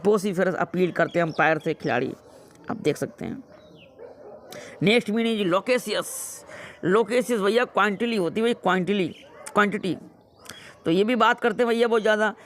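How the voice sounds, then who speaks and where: High-pitched male teacher. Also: a bit bright, slight background noise. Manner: repeats words, reads English examples slowly. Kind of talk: vocabulary lesson.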